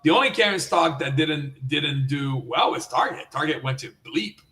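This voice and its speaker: Bright-voiced man, eager and agreeing. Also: a little high, expressive. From Brazil. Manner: eager, agreeing, halting restarts. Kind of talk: casual livestream chat.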